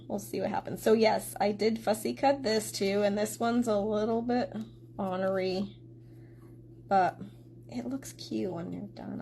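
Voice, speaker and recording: With a medium-pitched, slightly mellow voice and some faint background noise, a woman chats directly to viewers while cutting during her relaxed card-making tutorial. She sounds a bit congested from a sore throat.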